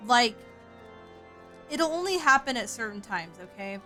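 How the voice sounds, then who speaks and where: Soft music plays behind a Southern woman streaming a game, her light accent carrying lively, profane, chatty talk. She speaks at a measured pace in a voice on the high side.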